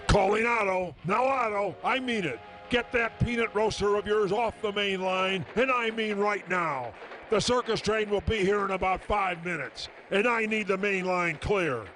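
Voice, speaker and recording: Bossy dispatcher, a man playing him: barking orders in a high voice. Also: normal speed, a bit bright, slight background noise. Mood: insistent. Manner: insistent, calling out orders. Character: bossy railroad dispatcher on the radio. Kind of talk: radio chatter.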